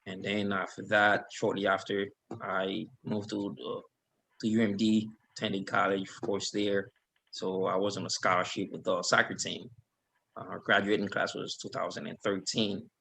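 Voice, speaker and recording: Gravelly low-voiced man from Haiti. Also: normal speed, a little hiss or hum. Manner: relaxed, rambling with fillers. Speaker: guest, alumnus. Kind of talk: casual webinar chat.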